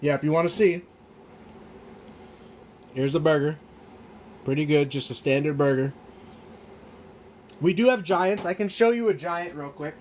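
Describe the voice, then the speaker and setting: A man's voice: a little high, unhurried, long pauses, darkish tone, a little hiss or hum. A young man hosting a casual livestream as a reptile breeder, talking enthusiastically and rambling, correcting himself often and sometimes eating as he talks. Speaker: gecko breeder and shop owner hosting a livestream. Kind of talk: casual livestream sales chat.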